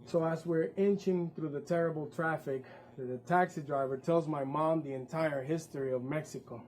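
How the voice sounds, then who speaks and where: A man's voice: fairly high pitch, steady tone, moderate pace, darkish tone, a little hiss or hum, rough recording. A man narrating his own story in a one-man stage show, vivid and with wry asides. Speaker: performer.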